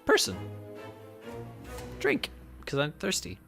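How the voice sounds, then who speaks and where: A man's voice: a little high, wildly swooping pitch, takes it slowly, gravelly, music in the background. A man casually commentating on a game as a streamer, joking, sarcastic and often swearing.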